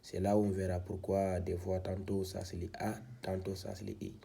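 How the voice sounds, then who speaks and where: A man's voice: low voice, completely flat delivery, normal speed, vocal fry, dark tone, breathy edge. A man teaching how to read script, patiently sounding out syllables one by one in a step-by-step lesson. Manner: patient, repeats syllables one by one, frequent "donc". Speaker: Quran reading teacher.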